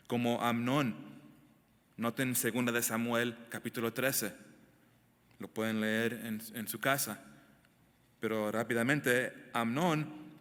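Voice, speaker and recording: A man's voice: mid-range voice, pushed and bright. A male pastor teaching a verse-by-verse Bible sermon, emphatic and asking the congregation direct questions. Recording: echoey hall, long reverb.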